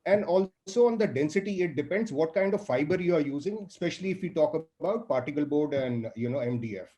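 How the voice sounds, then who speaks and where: A man speaking in an online business meeting, measured and explanatory with many fillers. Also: fairly high pitch, lively intonation, dark tone. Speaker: furniture buyer in a trade meeting.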